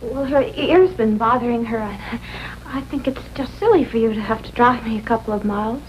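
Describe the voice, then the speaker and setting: A woman's voice: a little high, moderate pace, natural voice. An actress playing an anxious, guarded young wife and mother in a 1950s TV broadcast drama, speaking hesitantly and earnestly. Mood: uneasy. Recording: noisy old 1950s TV soundtrack.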